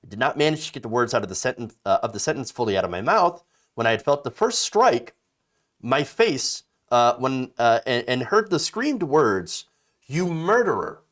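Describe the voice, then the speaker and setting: A man's voice: mid-range voice, big pitch swings, normal speed, fairly bright tone. A man in his thirties giving emphatic political commentary, reading out a story and reacting to it, with frequent fillers and restarts. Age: 30s.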